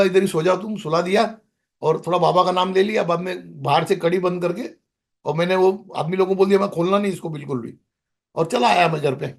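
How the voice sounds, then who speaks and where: Gravelly-voiced man telling a rambling story. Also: high-pitched. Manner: rambling anecdotal telling with many restarts. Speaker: podcast guest. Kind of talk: storytelling in casual conversation.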